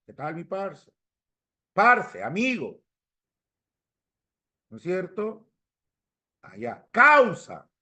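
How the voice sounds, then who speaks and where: Male teacher, high voice, very animated, unhurried delivery, keeps checking on the class. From Peru. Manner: asks the class for confirmation, mimics regional accents. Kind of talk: lively classroom lecture.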